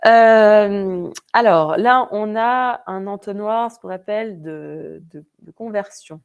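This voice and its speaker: A woman's voice: mid-range voice, slow, clear, resonant tone, highs cut off. A woman with a Vosges accent presenting an online training webinar, talking informally with many fillers and restarts. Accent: Vosges French. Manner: informal, chatty asides.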